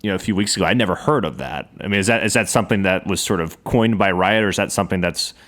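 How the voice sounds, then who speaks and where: Deep-voiced Southern man hosting. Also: quick pace. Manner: relaxed, chatty, frequent fillers. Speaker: podcast host. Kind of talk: casual interview.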